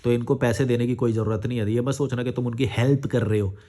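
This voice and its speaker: Regular guy answering his viewers' comments, talks frank and blunt, scolds them a bit, medium pitch. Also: steady tone, fast talker, warm tone. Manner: mixes English words into his talk. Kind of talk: casual commentary reading comments.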